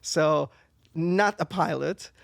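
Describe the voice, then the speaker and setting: A man's voice: fairly high pitch, takes it slowly, vocal fry, no echo, studio quality. A young man from Israel with an Israeli accent, a native Hebrew speaker, chatting as a podcast guest and stopping often to search for English words. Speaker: guest, singer and performer. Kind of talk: casual interview chat.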